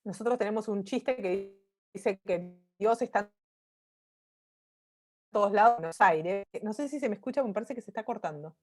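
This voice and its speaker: Argentine woman on a breaking-up video call. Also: mid-range voice. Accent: Argentine Spanish. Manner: halting, with restarts and frequent "¿sí?" checks. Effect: choppy, breaking-up video call audio. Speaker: law professor giving a remote lecture. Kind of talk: lecture over a video call.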